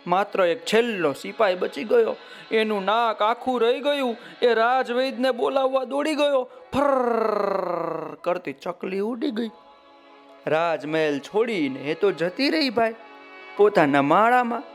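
A man tells a folk tale to children at a slow, deliberate pace, in a fairly high voice. He is lively and expressive and keeps speaking to his young listeners directly. Soft music plays underneath. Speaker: children's storyteller. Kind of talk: storytelling for children.

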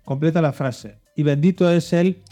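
A man's voice: fairly high pitch, moderate pace, warm tone, soft background music. Man hosting a quiz. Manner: reads clues then coaxes and hints. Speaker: quiz host. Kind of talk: hosting a children's religious quiz show.

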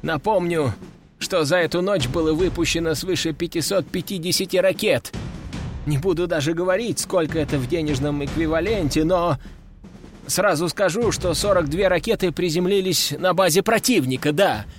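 A man's voice: a little high, moderate pace, music in the background, natural voice. A man doing a jittery, stammering adjutant. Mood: uneasy. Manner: hesitant, stammering, pleading. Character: nervous, evasive young male adjutant.

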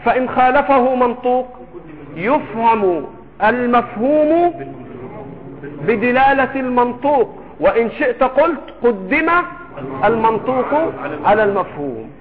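High-pitched Egyptian sheikh teaching in a hall. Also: male voice, lively intonation, a crowd in the background. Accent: Egyptian Arabic. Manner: slow, emphatic explanation with rhetorical questions. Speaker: sheikh teaching a creed text. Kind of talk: lesson explaining a classical text. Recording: echoey hall over a tinny phone-like line.

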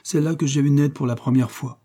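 A man's voice: mid-range voice, steady tone, fairly quick, mellow, pitched above the performer's own voice, lightly acted. A man voicing a sorrowful, lovesick young heiress in an audiobook, speaking plaintively and sighing.

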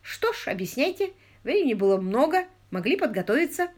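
A woman voicing a spiteful, sharp-tongued woman who talks in a sarcastic, domineering way. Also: sits high, sing-song, a little fast, pitched above the performer's own voice.

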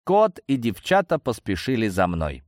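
A man's voice: on the low side, huge pitch swings, moderate pace, no echo, studio quality. A man narrating an audiobook in the first person with a wry, ironic delivery.

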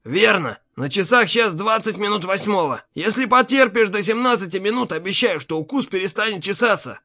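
A man voicing a worried father who gently coaxes his young daughter. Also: sits high, expressive, a little fast, voice pushed up, exaggerated voice. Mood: coaxing. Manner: gentle, coaxing.

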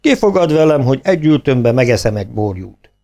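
A man's voice: mid-range voice, sing-song, vocal fry, a little mellow. A man voicing a proud, boastful champion eater and drinker who brags haughtily and grumbles.

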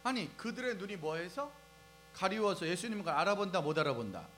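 A man preaching a lively sermon to young people, asking the crowd questions and acting out scenes as he goes. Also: high-pitched, brisk, low-quality recording. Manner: animated, asks the crowd questions and acts out scenes. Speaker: preacher at a youth service. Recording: faint music and mains hum behind.

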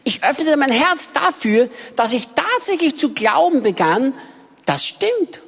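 A woman giving a sermon in animated storytelling style. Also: sits high, unhurried, gravelly. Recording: long hall reverb.

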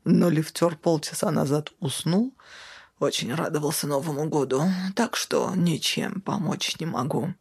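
A woman voicing a sly drunk male lift dispatcher who drawls slowly and slurs his words. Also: deep voice, a little mellow, slightly rough, pitched below the performer's own voice, exaggerated voice. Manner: slow, slurred, sly.

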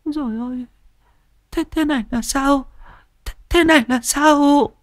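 A woman's voice: sits high, expressive, moderate pace, sharp tone. A woman voicing a distraught elderly mother who laments and cries out in fretful wails. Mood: grieving.

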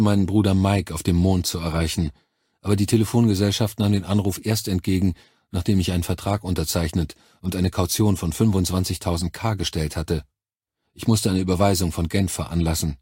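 Brief: male narrator, low husky voice, dry close recording, measured and somber. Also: a little mellow, dry recording. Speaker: audiobook narrator. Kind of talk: scripted first-person narration.

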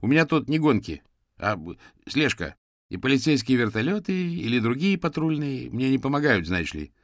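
A man voicing a cheerful, brash male private investigator in an audiobook, breezy and quick to snap back. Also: mid-range voice, big pitch swings, dry recording, studio quality, voice pushed up.

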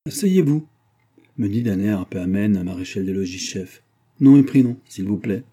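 A man's voice: sits low, lively intonation, normal speed, mellow, husky. A man reading the part of an officious gendarmerie sergeant who speaks in clipped, slightly condescending phrases.

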